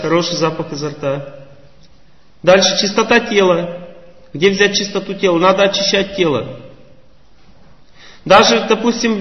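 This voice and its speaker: A man with a high voice delivers a slow, teacherly religious talk, posing questions to his audience. He sounds set back from the microphone in a long-echoing hall. The sound is muffled and dull. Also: distant mic. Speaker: spiritual lecturer. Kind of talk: religious lecture. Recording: echoey hall, voice from afar, muffled.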